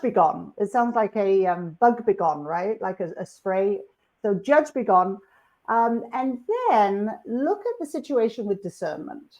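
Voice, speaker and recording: A woman's voice: mid-range voice, mellow. A woman presenting a live online workshop over a computer microphone, chatty and upbeat, with frequent fillers and restarts. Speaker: webinar presenter.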